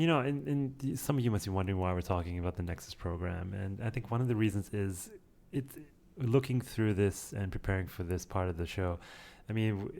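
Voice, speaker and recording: Host, male, deep and fast, casual questions, steers the talk. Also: creaky, a little mellow. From Australia. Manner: quick, asks questions, steers the conversation. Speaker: podcast co-host. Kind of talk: casual tech chat.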